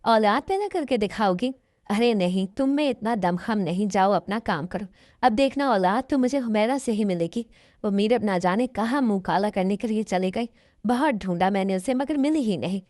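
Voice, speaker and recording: A woman's voice: medium pitch, lively intonation, moderate pace, darkish tone, dry recording, studio quality, close to an everyday voice. A woman voicing a scornful husband who taunts his wife in a dismissive, mocking way. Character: scornful husband, a mosque imam, taunting and cold.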